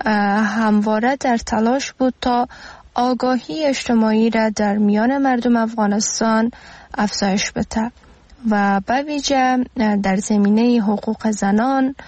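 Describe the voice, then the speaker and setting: A woman's voice: on the high side, fairly even intonation, a little mellow, no room sound. Hesitant Afghan Dari woman teacher. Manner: measured delivery with frequent hesitant pauses. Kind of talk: radio lesson.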